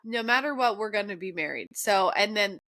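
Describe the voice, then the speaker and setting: A young woman co-hosting a casual podcast chat, her voice nasal and congested from allergies, chatty and quick to laugh. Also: mid-range voice, no room sound. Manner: lively, chatty, laughs often. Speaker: podcast co-host.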